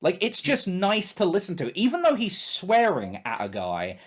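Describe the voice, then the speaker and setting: A man narrates a tabletop role-playing game as game master. His voice sits a little high and swings widely in pitch. He improvises casually and emphatically, swearing as he goes. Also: wildly swooping pitch, moderate pace, breathy edge.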